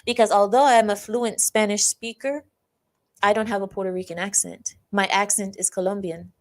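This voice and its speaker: A young woman hosting a livestream tells a personal story, chatting away, laughing often, reading out chat comments and acting out classmates she quotes. Her voice is medium-pitched with a steady tone and a moderate pace.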